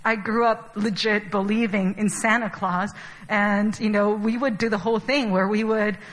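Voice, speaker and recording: A woman's voice: medium pitch, steady tone, normal speed, rough recording. A young adult woman from Chile giving a sermon in a casual, chatty way, with many fillers. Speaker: preacher.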